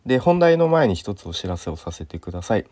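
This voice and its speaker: A man in his thirties hosting a casual solo talk show, relaxed and unhurried with lots of fillers, his throat a little sore and his nose stuffy. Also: fairly low pitch, no echo. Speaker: podcast host.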